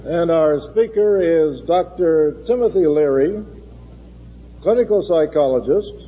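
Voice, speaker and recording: A man's voice: a little high, lively intonation, a little slow, husky. A man chairing a forum, giving a formal introduction with dry joking asides, his voice echoing through a big hall. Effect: big hall echo. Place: large lecture hall. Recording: lo-fi archival recording, long hall reverb.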